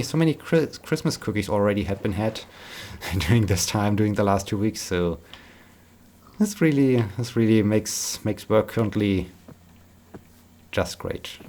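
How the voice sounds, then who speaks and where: A man's voice: lowish voice, expressive, measured pace, darkish tone, slight background noise. A man chatting casually while playing a game, rambling and repeating words, tired but upbeat. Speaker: gaming vlogger.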